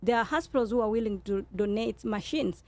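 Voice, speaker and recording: Kenyan-accented woman, fairly high voice. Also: brisk. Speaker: guest speaker, nurse leader. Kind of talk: talk show discussion.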